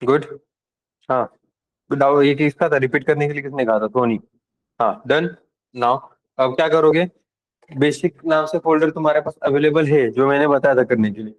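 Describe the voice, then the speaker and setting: A man's voice: a little high, moderate pace, long pauses, rough recording. Man teaching a coding class, casual. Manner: casual and direct with students, switching between Hindi and English terms. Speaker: programming instructor. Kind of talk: live classroom lecture.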